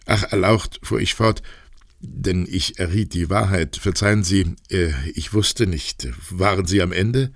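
Very low gravelly male narrator. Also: a little slow, no echo. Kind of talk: audiobook reading of a classic story.

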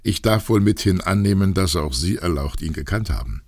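A man with a very deep, gravelly voice narrates a classic story in a formal, old-fashioned literary style. The recording is dry and close, with no room echo. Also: expressive, normal speed, a little mellow. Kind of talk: audiobook reading of a classic story.

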